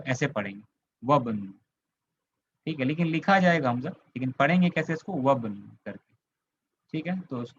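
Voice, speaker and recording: A man from India with an Indian accent, teaching an Arabic grammar lesson, patiently repeating points and checking that students follow. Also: on the high side. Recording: slightly dull lo-fi audio with faint hiss.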